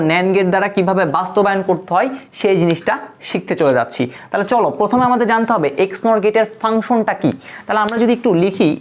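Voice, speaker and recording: A woman teaching a live online class, patiently asking questions and answering them herself. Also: medium pitch. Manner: patient, asks and answers her own questions. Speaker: online tutor. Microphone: phone. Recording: dull lo-fi stream audio.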